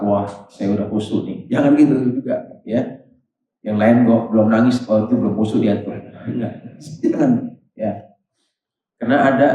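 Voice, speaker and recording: A man's voice: mid-range voice, darkish tone. A male Indonesian preacher gives a chatty Ramadan sermon, asking the congregation questions and acting out voices in his stories. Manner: conversational, asks the congregation directly; acts out quoted voices in the story. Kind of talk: Ramadan evening mosque sermon. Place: mosque prayer hall. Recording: very echoey mosque hall, distant mic.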